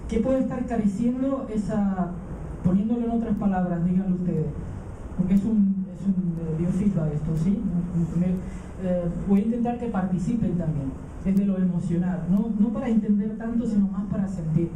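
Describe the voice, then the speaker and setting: A hesitant man gives a live conference talk, full of fillers and restarts. His voice is very dark and sits at a middle pitch. It is heard from some way off the mic in a roomy hall, with a dull, muffled sound. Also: normal speed, recorded from a distance, a little hiss or hum. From Canary Islands, raised in Venezuela. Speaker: conference speaker. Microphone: handheld mic held away from the mouth.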